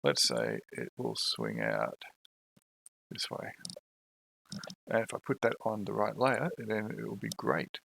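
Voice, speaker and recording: A man's voice: on the low side, unhurried, gravelly, pauses often, a little hiss or hum, low-quality recording. A man narrating and ruling as game master of an online tabletop game. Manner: relaxed, describing scenes and rules.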